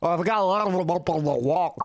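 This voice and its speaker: A man's voice: high voice, quick pace, natural voice. A man doing a flustered water-mouthed fellow. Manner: flustered, rambling, apologetic. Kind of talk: comedic improv character.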